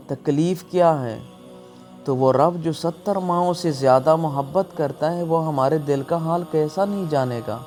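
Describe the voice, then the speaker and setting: With music in the background, a preacher's fairly high, slightly mellow voice carries an emotional, scripted sermon. His manner is earnest and pleading.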